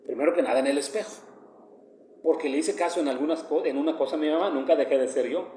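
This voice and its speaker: A man's voice: a little high, quick pace, darkish tone, roomy sound, a little hiss or hum. A man with a northern Mexican accent, giving a devotional meditation in a conversational, earnest way that often turns emphatic. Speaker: preacher.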